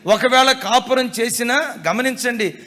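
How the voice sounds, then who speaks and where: A man's voice: extremely high pitch, measured pace, pushed and bright. A man, a pastor, preaching a sermon emphatically, repeating key phrases and mixing in folksy humor. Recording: echoey hall reverb.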